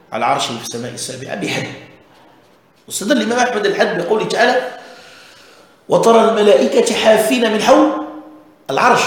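A man's voice: mid-range voice, vocal fry. A man, a religious teacher explaining a text step by step and often checking that listeners follow. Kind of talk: explanatory lesson commentary on a text. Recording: very echoey room.

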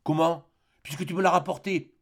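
A man's voice: on the high side, steady tone, moderate pace, creaky, voice pushed up. A man reading the lines of an elegant, still-young wealthy woman with genteel speech. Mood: astonished.

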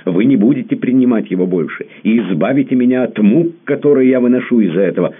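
A man's voice: low voice, lively intonation, normal speed, slight background noise, pitched above the performer's own voice. A man voicing a young count, distraught, jealous and pleading. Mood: desperate. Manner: agitated, pleading, crying out. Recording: lo-fi phone-like audio.

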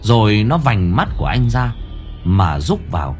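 A man's voice: lowish voice, big pitch swings, normal speed, a little mellow, faint music behind. A man narrating a horror story in a dramatic storytelling manner. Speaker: audiobook narrator.

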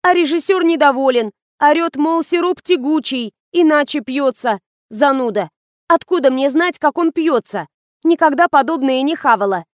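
A woman voices a whiny, squeamish young actress, pitching her high, expressive voice above her natural one and whining at a moderate pace. The studio-quality recording has no room sound.

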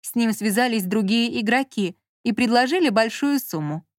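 A woman's voice: a little high, lively intonation, moderate pace, dry recording, studio quality, close to an everyday voice. A woman voicing a brash young male schemer, cocky and offhand on the phone.

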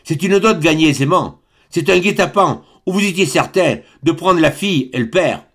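A proud old baron speaks with thundering, imperious indignation, as a man reading aloud voices him. His voice sits high and swings widely, with a gravelly rasp underneath. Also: expressive, moderate pace, a bit bright. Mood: indignant. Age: older. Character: stern proud old male baron, outraged aristocrat.

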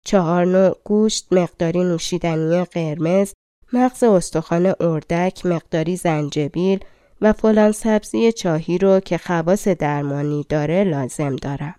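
A woman's voice: lowish voice, warm tone, clear, resonant tone, no echo, studio quality, natural voice. A woman reading a fairy-tale audiobook, voicing a clever, confident male dwarf cook in a self-assured, persuasive manner.

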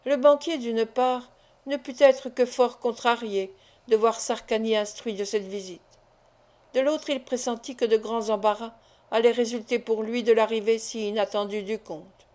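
Woman reading an old novel aloud, warm mellow voice, a bit high. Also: fairly even intonation, normal speed. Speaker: audiobook narrator. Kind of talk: scripted narration.

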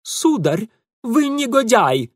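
A man reading an audiobook voices a jealous, hot-headed young man who shouts his outrage. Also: very animated, takes it slowly, slightly rough, no room sound, clean studio sound, full character voice. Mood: furious. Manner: shrill and indignant.

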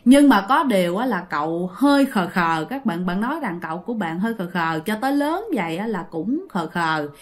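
A woman's voice: medium pitch, expressive, a little fast, few pauses. A woman with a Southern Vietnamese accent telling a ghost story in a chatty way, often turning to her listeners. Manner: conversational, addresses listeners directly.

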